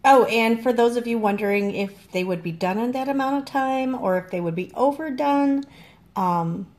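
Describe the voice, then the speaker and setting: A farm vlogger demonstrates cooking at home, chatting casually, rambling and self-correcting while holding her phone to record in the kitchen. She speaks at a normal speed in a voice on the high side with a darkish tone.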